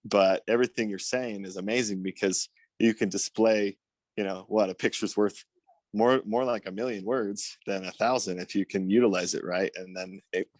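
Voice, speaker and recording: A man's voice: on the low side, steady tone, normal speed, darkish tone, no room sound. A man joining an online meeting from outdoors on a phone. He talks enthusiastically and rambles with many fillers, and he is out of breath. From Utah. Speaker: meeting participant. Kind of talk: casual video call talk. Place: outdoors, windy. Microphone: phone on a video call.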